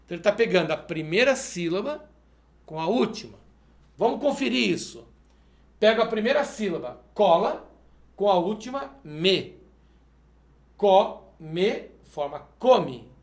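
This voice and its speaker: Speaking at a normal speed, this man has a high, sing-song voice that bounces around an echoey room. He is a math teacher solving exercises in a video lesson, explaining each step methodically and checking with the viewer by asking "perfeito?".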